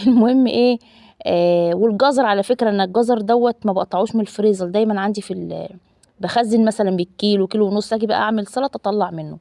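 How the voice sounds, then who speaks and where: A woman's voice: mid-range voice, very fast, gravelly, mellow, dry recording, clean studio sound. A woman in her thirties with an Egyptian Arabic accent, chatting casually to viewers while narrating her cooking, with lots of fillers. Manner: chatty, addresses viewers as loved ones, frequent fillers. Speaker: family vlogger.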